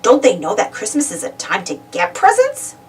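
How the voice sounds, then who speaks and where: A woman voicing an excitable, self-centred male cartoon duck from a storybook, exclaiming and wondering aloud eagerly. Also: a little high, normal speed, far from the mic. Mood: baffled.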